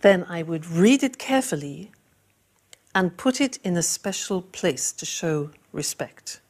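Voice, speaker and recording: A woman teaching an English lesson, speaking clearly and repeating key phrases for learners. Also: on the low side, animated, unhurried, darkish tone. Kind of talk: classroom lesson.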